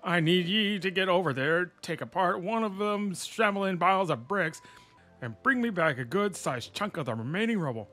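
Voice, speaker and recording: A man's voice: high-pitched, lively intonation, normal speed, bright, forceful tone, faint music behind, voice pushed up. A man voicing a boisterous male merchant boss who talks in a folksy, archaic way. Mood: gruff. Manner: folksy archaic speech, calls people lass.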